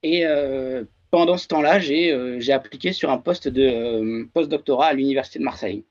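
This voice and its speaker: Speaking at a moderate pace in a medium-pitched, darkish voice, a thirty-something man with a French accent is a guest in a casual interview. He works in research and development engineering and hesitates often, using fillers and restarts. The sound is dull and lo-fi.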